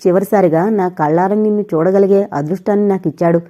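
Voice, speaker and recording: A woman voicing a dying young man who speaks haltingly, short of breath, in a storybook reading. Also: medium pitch, warm tone, muffled recording, lightly acted. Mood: faint.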